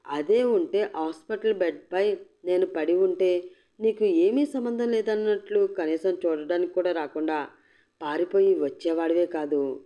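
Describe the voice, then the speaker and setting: A woman's voice: fairly low pitch, moderate pace, mellow, natural voice. A woman voicing a defiant young woman who speaks firmly and mockingly. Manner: cutting, mocking, firm. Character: defiant young woman, sharp-tongued and unbowed. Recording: dull lo-fi recording.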